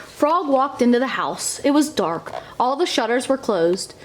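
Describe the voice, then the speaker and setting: A woman's voice: sits high, big pitch swings, unhurried, a little hiss or hum. A woman, a mother, narrating a children's storybook aloud for her child.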